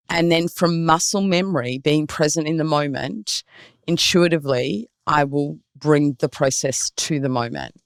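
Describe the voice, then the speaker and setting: Animated woman coaching a mindset. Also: sits low, no echo, studio quality. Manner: animated, acts out anxious inner voices and self-talk; asks the host guiding questions. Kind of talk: coaching explanation in a podcast interview.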